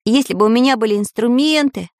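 A woman's voice: fairly high pitch, fast, dry recording, clean studio sound, natural voice. A woman voicing a practical, matter-of-fact metal tinkerer man in a children's audiobook. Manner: matter-of-fact, a little glum.

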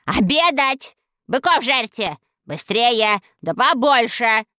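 A woman voicing an imperious, vengeful giant sorceress who schemes aloud in a lower, altered voice. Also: lively intonation, slow, no room sound, studio quality, exaggerated voice. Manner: commanding, scheming, mutters to herself.

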